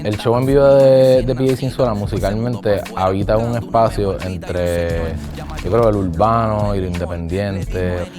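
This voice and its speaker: A man's voice: fairly low pitch, steady tone, measured pace. A man, a music director speaking casually in a documentary interview, mixing in English words.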